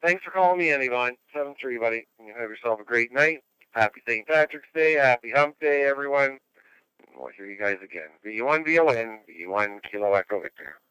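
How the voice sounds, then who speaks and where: A man's voice: mid-range voice, expressive, brisk, pushed and bright, clean tone, no echo. A man chatting casually as an operator on an amateur radio net, folksy and chummy, over two-way radio. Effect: two-way radio transmission. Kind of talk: casual radio sign-off chat. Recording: dull lo-fi radio audio.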